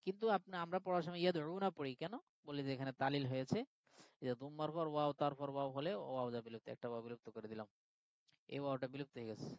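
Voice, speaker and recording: A man's voice: a little high, dry recording, dull audio. A male teacher giving a live online grammar lesson. He explains patiently step by step and often checks in with his students. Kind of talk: live online class lecture.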